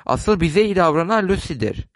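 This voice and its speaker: A dutiful woman of the house, earnest and easily flustered, voiced by a male reader. Slightly raised pitch, dry and close, in an audiobook. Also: expressive, moderate pace, no echo.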